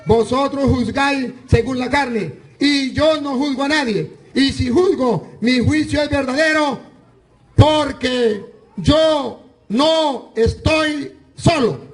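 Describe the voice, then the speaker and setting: High-voiced priest arguing scripture. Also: male voice, takes it slowly. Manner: insistent, argumentative, reads scripture aloud. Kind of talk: heated religious debate.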